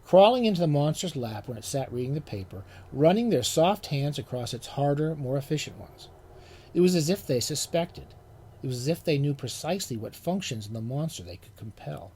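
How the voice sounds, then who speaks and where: Male author reading literary fiction; lively intonation, measured pace. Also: a little high, husky. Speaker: author reading his own story.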